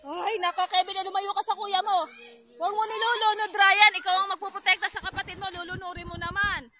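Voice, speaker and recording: A woman's voice: very high voice, level tone, brisk, pushed and bright. A woman filming a family gathering for her vlog, chatting and calling out to the children. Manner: chatty, mixes languages, calls out to kids.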